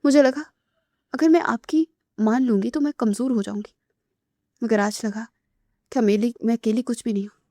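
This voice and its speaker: A woman's voice: a little high, fairly even intonation, long pauses, warm tone, no echo, studio quality, close to an everyday voice. A woman voicing a remorseful young woman in a novel reading, pleading with a breaking voice.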